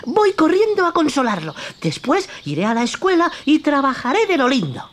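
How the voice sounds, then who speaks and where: Pinocchio, a squeaky puppet boy. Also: very animated, normal speed. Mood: eager. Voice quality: shrill, squeaky. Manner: whiny, pleading, impulsive. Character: mischievous lying wooden puppet boy. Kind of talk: storybook reading.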